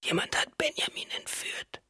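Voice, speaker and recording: A man reading an audiobook aloud, voicing a weak, terrified woman in a hospital bed in a faint, breathy whisper. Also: normal speed, sharp tone, no echo, clean studio sound. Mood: desperate whisper.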